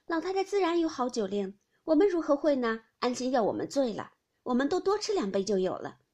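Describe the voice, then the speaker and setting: A genteel middle-aged aunt, polite and self-effacing, as a woman reads her part. The voice lifts above the narration and moves through a wide, lively range. It carries a soft husky grain. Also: high-pitched, brisk. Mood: modest. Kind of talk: audiobook character reading.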